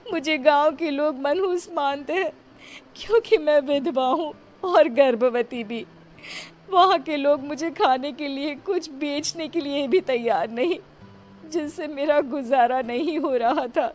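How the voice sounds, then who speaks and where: A woman's voice: sits high, measured pace, darkish tone, soft background music. A woman voicing a sorrowful, destitute pregnant widow with a plaintive manner in a dramatized story. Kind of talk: dramatized Hindi story acting.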